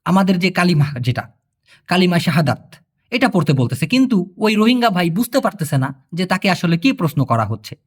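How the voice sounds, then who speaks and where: A man from Bangladesh teaching phrases in a casual spoken lesson, explaining patiently, repeating words slowly and asking his viewers questions. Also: high-pitched, sing-song, breathy edge. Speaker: language tutor.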